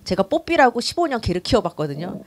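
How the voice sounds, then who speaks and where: A woman's voice: medium pitch, big pitch swings, quick pace. A middle-aged woman pastor teaching a new-member class, telling her own story and acting out her old complaints.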